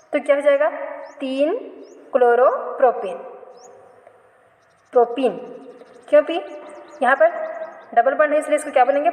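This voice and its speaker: High-voiced woman teaching in an echoey room. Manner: asks questions then answers them herself; repeats and corrects herself. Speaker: chemistry teacher. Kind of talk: classroom lecture. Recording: echoey room, long reverb.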